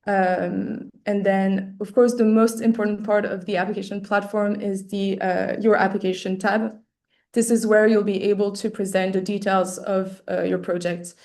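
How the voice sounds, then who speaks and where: Clearing her throat frequently as her voice gives out, a woman leads a webinar for an arts award, walking through how to apply in a practical way. Her voice is mellow, a bit hoarse, medium in pitch, and flat, at a normal pace, over a video-call computer mic. She leans on fillers and restarts her phrases.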